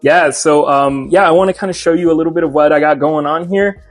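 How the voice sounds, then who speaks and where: A man's voice: fairly high pitch, quick pace, faint music behind. Easygoing man explaining his craft. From Mexico. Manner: relaxed, many "uh" fillers, explains his craft step by step. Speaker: hat maker and shop owner. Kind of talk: casual interview.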